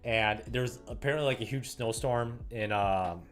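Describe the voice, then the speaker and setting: A thirty-year-old man from the American Midwest talks loosely to a livestream audience, full of ums and quick laughs. His voice sits at an ordinary middle pitch. Faint music plays softly behind him. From Illinois, US Midwest. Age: 30s. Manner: rambling, laughs often, many fillers. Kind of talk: casual livestream chat. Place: home room while stringing rackets.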